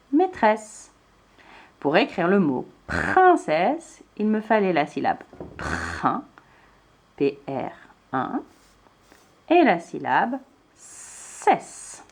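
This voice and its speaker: A woman's voice: mid-range voice, darkish tone. A woman teacher giving a spelling lesson to young children, spelling words out letter by letter. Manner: slow, clearly spelled out letter by letter.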